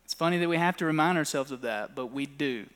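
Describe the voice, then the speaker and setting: High-voiced man preaching in a reverberant hall. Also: fast talker, clean tone. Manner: storytelling preacher who swings between loud and hushed delivery. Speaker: pastor. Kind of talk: sermon.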